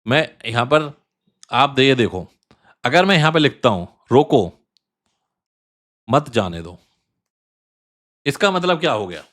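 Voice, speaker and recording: This crypto trading host talks through his charts in a relaxed way, his mid-range voice sing-song and a touch bright. Fillers plug the gaps, and he says things twice to make them stick.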